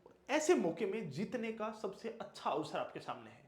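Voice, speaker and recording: A male exam coach, speaking high and with a lively, swooping delivery. He hammers his points home by repeating key words and answering his own questions. The room around him rings with echo. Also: normal speed. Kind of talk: motivational exam lecture.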